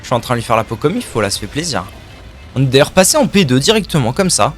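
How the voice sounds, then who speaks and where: Guy streaming a game live, super animated up and down voice, jokey and sweary, bit of game music behind. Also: mid-range voice, quick pace. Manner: casual, joking, swears, chats with viewers. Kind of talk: live gameplay commentary.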